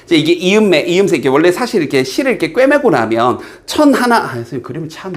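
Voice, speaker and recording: Animated Korean man teaching English. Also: a little high. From South Korea. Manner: animated, reads English lines slowly then explains quickly. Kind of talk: lively exam-prep lecture.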